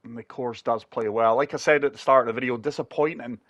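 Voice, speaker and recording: Talking fast in a mid-range, fairly bright voice with a steady tone, a man runs chatty commentary on a golf video game for his gaming channel, guiding viewers through each shot. He's short of breath from a chest infection, and the audio is lo-fi without echo.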